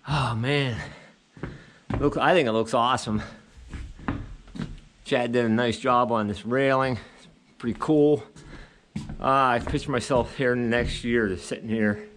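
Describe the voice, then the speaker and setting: This middle-aged beekeeper's mid-range, slightly bright voice comes with a little hiss or hum. Filming himself with a head-mounted action camera on an outdoor walk around a rural building site, he rambles in an easygoing way and restarts often.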